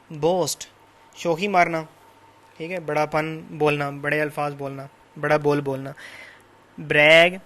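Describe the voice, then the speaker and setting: A man's voice: fairly high pitch, a bit bright. A man lecturing on a novel, patiently explaining English words by listing translations and synonyms, repeating and rephrasing each point. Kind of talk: recorded classroom lecture.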